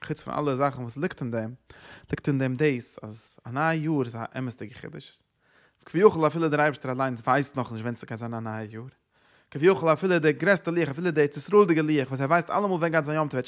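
A man giving a Talmudic lecture as a Torah teacher, emphatic, firing off rhetorical questions, swinging between loud and soft, and dropping in English words. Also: mid-range voice, gravelly.

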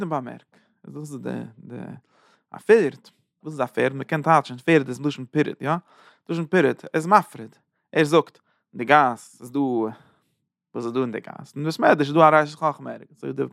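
A man's voice: fairly high pitch, vocal fry, a bit bright, no echo, clean studio sound. A man giving a Torah sermon, chanting verses in a sing-song and repeating phrases for emphasis. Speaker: preacher giving a Torah talk.

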